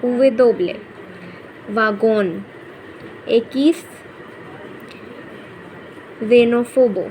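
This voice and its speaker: A woman's voice: fairly high pitch, slow, long pauses, slight background noise, rough recording. A woman teaching a Spanish pronunciation lesson in Hindi, repeating each example word patiently and saying "okay" often.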